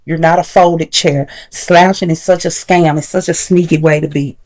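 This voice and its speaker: A woman teaching confidence habits in a casual, encouraging way, slowing down to stress key points. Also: low voice, steady tone, darkish tone. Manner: casual, encouraging, slows down for emphasis. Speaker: confidence coach. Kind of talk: motivational tutorial.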